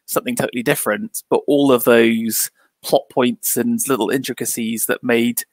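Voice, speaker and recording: A man's voice: mid-range voice, fairly even intonation, moderate pace, dry recording. A man in a casual discussion about art who speaks hesitantly, stammering and using many fillers.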